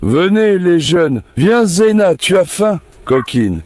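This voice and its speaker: A man's voice: sits high, big pitch swings, slow, a little mellow, no room sound. A man breeding dogs, talking casually as he feeds them outdoors, calling each one with coaxing, affectionate words. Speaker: dog breeder feeding his dogs. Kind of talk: casual vlog narration while feeding dogs. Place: outdoor farm with dog kennels.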